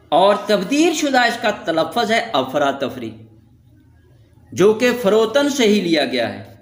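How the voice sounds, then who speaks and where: A man teaching a lesson in scripted narration, reading out lists of words slowly and stressing each one. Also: high-pitched, echoey room. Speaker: Quranic Arabic teacher.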